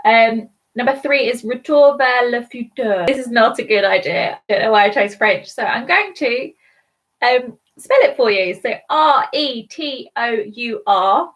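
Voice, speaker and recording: A woman's voice: fairly high pitch, a bit bright. Chatty woman hosting a quiz. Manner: chatty, self-deprecating, spells words slowly letter by letter. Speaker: quiz host. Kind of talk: live-streamed online quiz. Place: at home alone.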